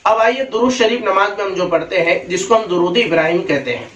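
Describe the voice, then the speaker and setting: High-pitched guy teaching how to recite prayers, slow careful arabic, echoey room, kinda far from the mic. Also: fairly bright tone, dull audio. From India. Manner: recites Arabic slowly and carefully, explains briskly. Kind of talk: religious lesson on correct pronunciation.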